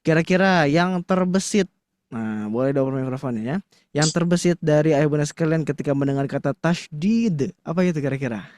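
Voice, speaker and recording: A man's voice: on the high side, a little fast, a little mellow, dry recording. A man teaching a Quran recitation class to a live audience, chatty and full of fillers, often stopping to quiz the room. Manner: conversational, filler-heavy with frequent "nah", quizzes the audience.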